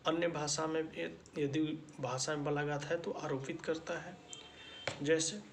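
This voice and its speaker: Male lecturer, slightly high voice, very slow and repetitive delivery, faint background noise. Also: steady tone. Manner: slow, deliberate explaining with repetition. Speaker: teacher-education lecturer. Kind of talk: spoken lecture.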